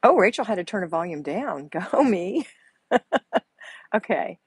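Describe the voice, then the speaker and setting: Speaking unhurriedly but with great animation, a soft-spoken woman with a drawl runs a live chat as a home organizing coach, reading comments and mothering her viewers as honey and girls. Her voice sits a little low with a husky, breathy quality. Although captured by earbuds with a mic, the audio is studio quality with no room sound.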